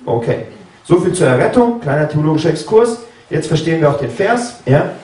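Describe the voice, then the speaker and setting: Man, sermon, chatty, fairly high voice, echoey room. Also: very animated, fairly quick, mellow, distant mic. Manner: conversational, keeps asking "ja?" and "ne?"; acts out biblical dialogue with sudden pitch jumps. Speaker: preacher. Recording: roomy, from off-mic.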